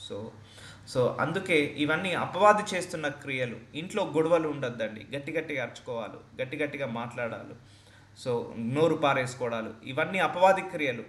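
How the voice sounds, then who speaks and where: A man's voice: medium pitch, a bit bright, echoey room. A man preaching a sermon as a pastor, earnest and repetitive for emphasis.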